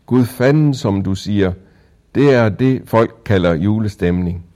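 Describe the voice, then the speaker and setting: A man reading a story and voicing a pushy male Christmas-tree salesman who preaches with rising, forceful emphasis. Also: lowish voice, natural voice. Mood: persuasive.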